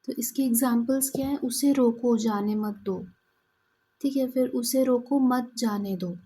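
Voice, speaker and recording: A woman teaching an exam-prep lesson, explaining terms and reading verse examples aloud with pauses. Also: fairly high pitch, dark tone, slight background noise, rough recording.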